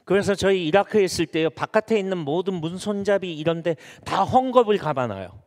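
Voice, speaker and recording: A male pastor delivering a sermon in an animated, conversational style with a high voice. He often turns questions to his congregation. The room adds a long, ringing church reverb. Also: fairly quick. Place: church sanctuary.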